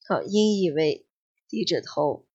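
A woman teaching an English exam lesson, explaining slowly and patiently and repeating key words. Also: fairly low pitch, lively intonation, darkish tone, husky, highs cut off. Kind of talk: exam-prep grammar and vocabulary lesson.

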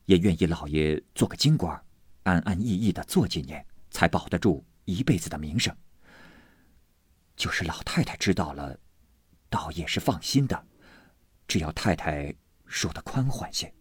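A man reading aloud plays a polite young nobleman who speaks softly and respectfully. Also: sits low, lively intonation, normal speed, long pauses, breathy edge, dry recording, full character voice. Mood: deferential.

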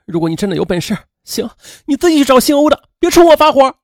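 A man's voice: very high voice, big pitch swings, very fast, dark tone, no room sound, clean studio sound, voice pushed up, heavily acted. A man voicing a middle-aged wife who talks through tears. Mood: tearful. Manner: weeping, pleading.

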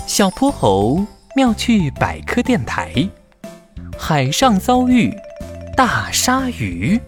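A man narrating a scripted children's story in a dramatic, expressive way. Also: sits high, takes it slowly, soft background music.

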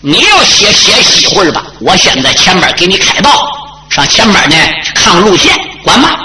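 A man storyteller voicing an eager, excited young boy calling out. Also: high voice, moderate pace, heavily acted. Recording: roomy, loud background noise.

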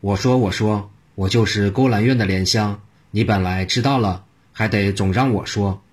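A man's voice: lowish voice, moderate pace, slightly rough. A man voicing a cheeky brothel woman posing as an imperial concubine in a told story. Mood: sassy. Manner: sassy and cheeky.

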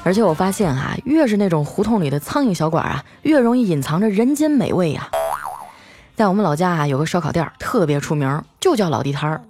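A woman's voice: lowish voice, animated, darkish tone. A woman host, telling funny everyday stories in a chatty way, drawing out the particles at the ends of phrases. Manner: chatty, drawn-out sentence-final particles. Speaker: streaming host. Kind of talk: comic storytelling monologue. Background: background music.

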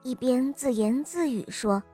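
A woman narrating a children's picture book, gentle and expressive, talking to young listeners. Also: high voice, unhurried, soft background music. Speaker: children's storyteller. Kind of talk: storybook narration.

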